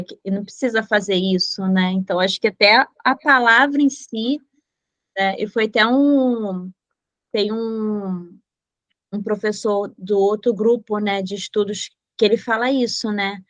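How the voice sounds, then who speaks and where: A woman's voice: mid-range voice, no echo. A woman in a casual book club chat, retelling conversations and acting out the people she quotes. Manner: storytelling, quoting others with animated voices. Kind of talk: casual group discussion.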